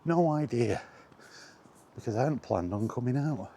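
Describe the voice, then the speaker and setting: Speaking at a moderate pace, this vlogger has a mellow mid-range voice with lively intonation and some vocal fry. He chats casually while walking a path in the wind, drifting between topics, making fun of himself, and swearing mildly out of frustration. Wind and outdoor sounds come through the camera mic.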